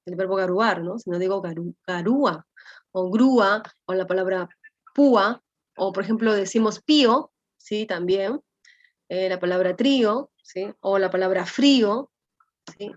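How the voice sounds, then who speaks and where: Peruvian woman teaching a class online. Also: medium pitch. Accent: Peruvian Spanish. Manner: explanatory, often adds "¿no?" as a check. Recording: slightly dull lo-fi audio.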